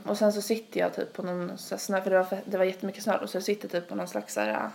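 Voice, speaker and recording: A woman's voice: medium pitch, creaky, darkish tone. A young woman tells a long story in casual podcast chat. She rambles, stacks fillers and acts out quotes as she goes. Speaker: podcast host.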